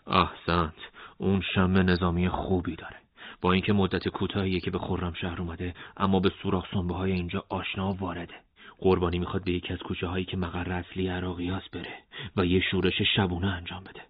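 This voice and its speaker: Man voicing a calm persuasive army major, low husky voice, dull sound. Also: dry recording.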